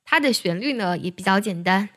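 A woman teaching how to sing an English song, speaking in a patient, measured way with soft particles at the ends of her phrases. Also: medium pitch, lively intonation. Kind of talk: explaining lyrics and singing technique.

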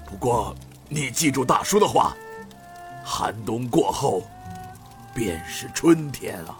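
A kind-hearted aging innkeeper from a told story talks with a gravelly edge and lively rises and falls, sighing fatherly over the children, as a male storyteller puts him on. Soft music runs faintly underneath. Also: mid-range voice, takes it slowly. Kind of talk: storytelling with voiced characters.

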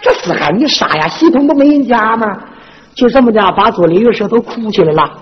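A performer puts on a loud, bossy old godmother from the northeast, scolding and gossiping in a comic folk stage duet. The voice swings up and down a lot as she nags. It's a dull lo-fi recording with a long echo from the stage. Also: mid-range voice, lively intonation, fast talker, soft background music, close to an everyday voice. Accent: Northeastern Mandarin. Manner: brash, scolding, gossipy storytelling. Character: sharp-tongued older village godmother, comic and bossy. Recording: echoey stage, dull lo-fi sound, faint hiss.

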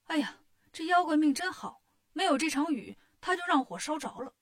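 A woman's voice: high-pitched, lively intonation, moderate pace. A woman voicing a boastful, cheeky male monkey king hero in a storybook tale, teasing and playful. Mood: cocky. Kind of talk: storybook character voice.

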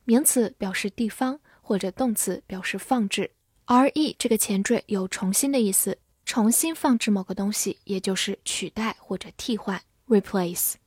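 A woman teaching English vocabulary in a scripted lesson, spelling each word letter by letter and reading example sentences slowly. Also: mid-range voice, a little mellow, breathy edge, no echo, clean studio sound.

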